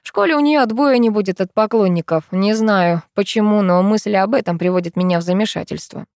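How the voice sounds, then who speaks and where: A woman's voice: medium pitch, fairly quick, dry recording, clean studio sound. Woman narrating an audiobook. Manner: even storytelling, reads a male first-person narrator. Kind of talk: scripted narration.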